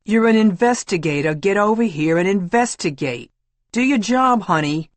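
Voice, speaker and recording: A woman voicing a shrill, paranoid caller with a Queens accent who insists and scolds. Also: lively intonation, moderate pace, no echo, close to an everyday voice. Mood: indignant. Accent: New York, Queens.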